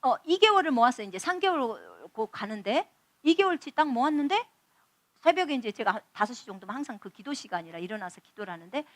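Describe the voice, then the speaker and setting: Lively woman preaching a testimony. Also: a little high, fast, dry recording. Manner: animated storytelling, acting out dialogue. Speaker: missionary preacher. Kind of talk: testimony sermon.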